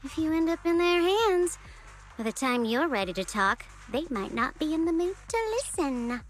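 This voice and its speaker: An actress voicing a cool, wry young woman in a video game who talks someone round with smooth, teasing persuasion. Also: high-pitched, animated, normal speed, soft background music. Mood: coolly persuasive.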